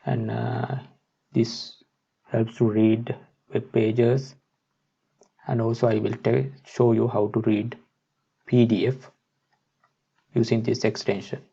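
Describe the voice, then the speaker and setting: Narrating a step-by-step software tutorial, a man speaks haltingly in a medium-pitched, gravelly, husky voice with flat delivery. The microphone sounds dull and muffled.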